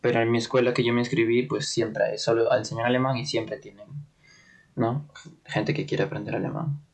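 A young man from Peru, talking casually in an interview. He hesitates and hunts for words, with frequent little laughs, at an ordinary pitch for a man. His delivery is relaxed and unhurried. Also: vocal fry, breathy edge. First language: Spanish. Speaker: interview guest, trainee in Germany.

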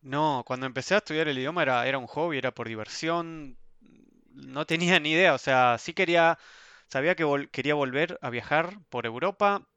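A young Argentine man with an Argentine Spanish accent, speaking in a casual online interview, thoughtful and hesitant, often trailing off softly. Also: on the high side, fairly quick, clear, resonant tone, no room sound, lo-fi sound. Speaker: interview guest. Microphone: video call.

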